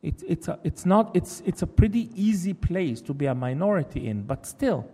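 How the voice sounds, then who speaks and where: Very animated, high, mellow and husky, the voice belongs to a Hebrew-speaking novelist giving a reflective public talk in English. His thoughtful manner is halting, with many restarts, and the recording carries a hall's long reverb.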